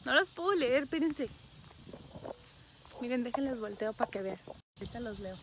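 A woman's voice: on the high side, animated, moderate pace, background noise. A woman truck driver, chatting casually with viewers on a live stream from a phone outdoors at a rest area, greeting them by name and laughing often. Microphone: phone held at arm's length.

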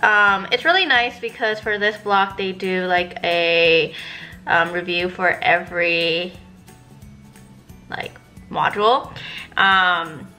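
A woman's voice: fairly low pitch, steady tone, slow, long pauses, pushed and bright, faint music behind. A woman in her twenties, a nursing student, chatting casually to camera in a vlog, full of "like" and "um". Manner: chatty, filler-heavy, uses "like" a lot.

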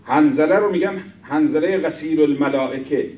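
Male preacher, high voice, storytelling sermon, roomy hall, distant mic. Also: dark tone. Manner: storytelling, quoting figures with rising emphasis. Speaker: speaker at an Islamic center. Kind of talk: Persian religious sermon storytelling. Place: mosque hall. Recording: echoey hall, voice from far off.

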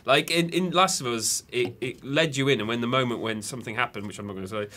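Bright-voiced man, hesitant chat. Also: medium pitch, fast talker. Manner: hesitant, full of uhs, laughs often. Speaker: podcast co-host. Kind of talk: casual chat.

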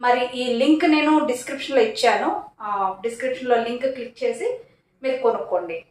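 A woman's voice: high-pitched, expressive, fast talker, darkish tone. A woman schoolteacher casually explaining and demonstrating a small clip-on mic to camera, in a plain, practical way. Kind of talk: casual product demo to camera. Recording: roomy echo, mic set away.

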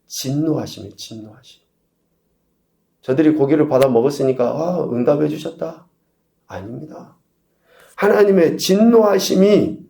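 A male pastor preaching a sermon, asking the congregation rhetorical questions and swinging between loud emphasis and quiet asides. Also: a little high, vocal fry, roomy sound. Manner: preaching with rhetorical questions and sudden shifts in volume. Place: church sanctuary.

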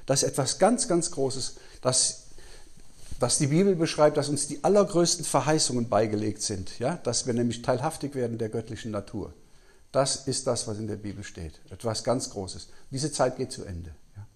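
A man's voice: mid-range voice, normal speed, slightly rough. German man teaching the Bible in a question-and-answer style. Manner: asks the audience questions and answers them himself, frequent "ja?". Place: conference hall.

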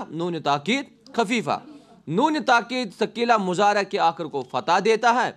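A man teaching a grammar lesson in a classroom, asking his class questions and answering them himself, saying each Arabic example slowly and then translating it. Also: high-pitched.

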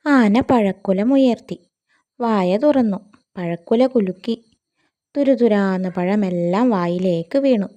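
Woman storyteller for young children: slow, sing-song, mellow. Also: medium pitch, muffled recording.

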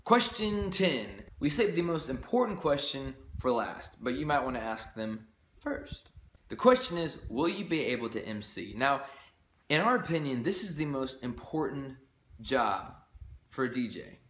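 A man giving wedding DJ advice in an upbeat, conversational way, with lively emphasis and casual asides. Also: medium pitch, unhurried. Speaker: DJ company presenter. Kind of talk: scripted advice video. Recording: echoey room with faint noise.

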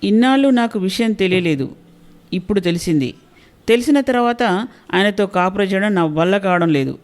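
A woman narrator voicing a middle-aged married woman who loudly and defiantly demands her property in a read-aloud story. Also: medium pitch, moderate pace, natural voice. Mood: outraged. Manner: defiant, shouting complaints. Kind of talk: storybook reading.

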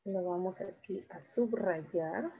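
A woman with a lowish, dark, slightly rough voice teaches a recorded class, unhurried and step by step, regularly checking that her students follow. The recording's highs are cut off.

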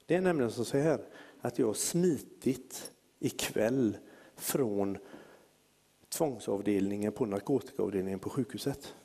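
Gravelly-voiced man preaching in a hall. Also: lowish voice. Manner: lively anecdotal preaching with acted-out quotes. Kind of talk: sermon storytelling.

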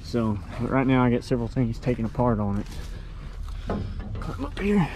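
A young man, a farm vlogger, chats casually in the first person while working outdoors on his farm and in a workshop, relaxed and rambling as he goes. His voice is mid-range at a moderate pace, with a noisy background.

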